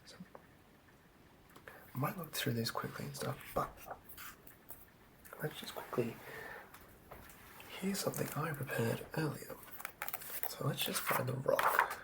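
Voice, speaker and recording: A man with an animated, medium-pitched voice with vocal fry talks slowly and pauses often, with background noise present. Hosting casual whispered ASMR, he writes tabletop game monsters, thinking aloud and often re-murmuring words.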